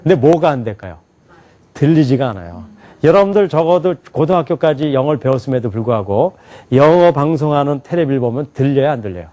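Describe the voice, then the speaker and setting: Animated man lecturing a class. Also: mid-range voice, fast. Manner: animated, asks the class questions and laughs often. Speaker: English teacher at an alternative school. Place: classroom with students.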